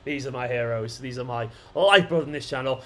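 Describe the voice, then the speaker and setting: Chatting matily during a football watchalong livestream, a fan channel host keeps saying "man," "mate" and "pal" to his viewers, though his voice is starting to go. He speaks at a medium pitch and a little fast.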